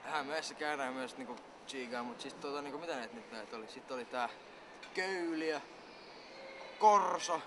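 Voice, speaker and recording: A man's voice: mid-range voice, fairly even intonation, few pauses. A man with giving a comic mock interview, casual, boastful and swearing. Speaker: mock athlete being interviewed. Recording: outdoor street noise.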